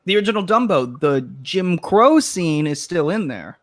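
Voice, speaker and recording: Male show host, casual panel chat, a touch high-voiced, loose and rambling delivery. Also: very animated, normal speed. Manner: rambling, restarts, reads chat comments aloud.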